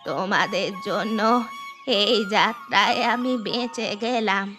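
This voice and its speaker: An older woman voices an elderly village grandmother in a children's cartoon, a once-stingy character who is now repentant and generous. Her medium-pitched, near-everyday voice is plain-spoken and earnest, and she speaks slowly over music.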